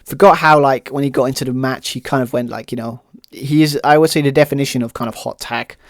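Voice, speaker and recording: A man's voice: medium pitch, fairly even intonation, quick pace, no room sound, studio quality. A man hosting a podcast alone, giving a casual, rambling review full of fillers and "kind of", plainly enthusiastic. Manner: rambling, heavy use of "kind of" and "um". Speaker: podcast host.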